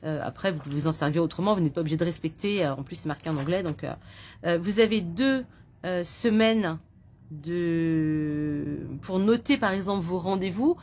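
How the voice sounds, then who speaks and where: A woman talks through a product in a relaxed, rambling way. Her voice sits a little low, and she fills pauses with hesitations and pokes fun at herself. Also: slight background noise. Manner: chatty, many fillers, self-mocking. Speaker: vlogger presenting a notebook. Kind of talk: casual product presentation.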